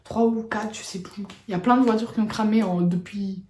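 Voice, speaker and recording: A woman's voice: medium pitch, steady tone, brisk, dark tone, slight background noise. Woman, casual storytelling, slangy, rambling, echoey room. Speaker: vlogger. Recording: roomy echo.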